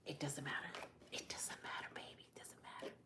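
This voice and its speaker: Whispering, yet bright and forceful at a fairly quick pace, a Spanish-accented woman from Central Florida, United States, runs a relaxed live cooking stream from her home kitchen. She chats cheerfully, welcomes viewers by name, and walks through every step, with room echo and faint background noise.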